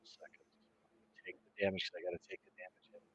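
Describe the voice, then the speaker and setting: A man playing a tabletop game over voice chat, asking quick rule questions while his mic cuts out and the volume drops and jumps. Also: low voice, monotone, bright, forceful tone, slight background noise, low-quality recording. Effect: mic cutting out, volume drops and jumps. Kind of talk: casual online play over voice chat.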